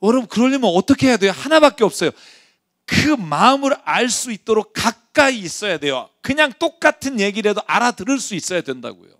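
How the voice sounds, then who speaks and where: A man preaching a sermon as pastor, conversational and lively, asking his listeners rhetorical questions. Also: high voice, a little fast, no echo, clean studio sound.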